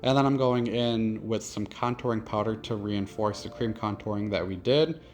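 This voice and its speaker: A man's voice: on the low side, moderate pace, soft background music. A man with a lisp and slushy s sounds, giving a casual, conversational step-by-step makeup tutorial as a drag performer.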